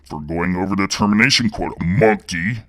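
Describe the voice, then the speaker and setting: Slow and mock-politely corporate, a man growls deep and gravelly as a menacing, condescending reptilian demon boss, his voice a bit bright. The studio-quality recording has no room sound.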